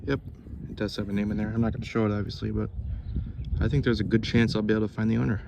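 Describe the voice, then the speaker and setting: Rapid-fire and gravelly, with a level tone on the low side, a man talks viewers through his metal detecting finds, exclaiming in wonder as he goes. The noisy outdoor recording, full of ambient sounds, was made in a torn-out street.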